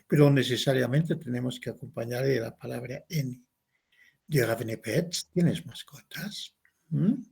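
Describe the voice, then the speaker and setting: A man's voice: mid-range voice, moderate pace, vocal fry, a little mellow, husky. A man teaching an English class, patiently explaining and modeling questions.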